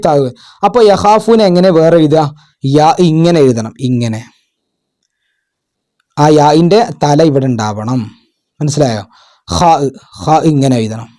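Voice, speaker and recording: Man, tutor, patient, repeats himself, raised pitch, mellow tone. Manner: patient, repeats and asks questions. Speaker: madrasa tutor. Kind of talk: explaining exam answers.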